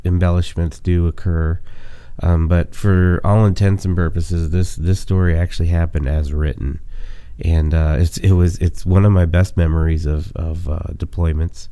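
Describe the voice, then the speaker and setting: With a deep, dark voice that barely moves in pitch, a man in his late thirties hosts his podcast at normal speed, congested and nasal from a cold. There's no echo; he rambles casually, full of fillers, before moving into a memoir reading.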